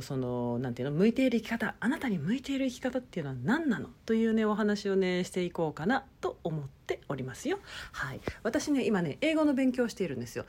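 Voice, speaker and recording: A woman talks on her own in a relaxed podcast chat. Her voice is breathy and slightly husky, and her pitch moves around a lot. She keeps turning to her listeners with rhetorical questions. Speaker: podcast host. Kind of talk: casual solo talk.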